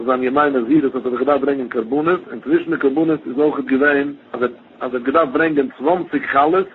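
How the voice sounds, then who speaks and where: A man giving a Talmud lesson, explaining in a chanting study cadence. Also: a little high. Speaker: Talmud teacher. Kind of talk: Talmud lesson in Yiddish-tinged speech. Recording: tinny phone-line recording, faint hiss.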